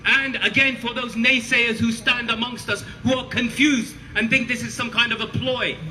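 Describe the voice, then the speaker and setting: Very high and sharp, a former prisoner's voice rings out as he delivers a fiery rallying speech to an outdoor protest crowd, hurling emphatic questions at them. The amplified sound echoes across the noisy rally.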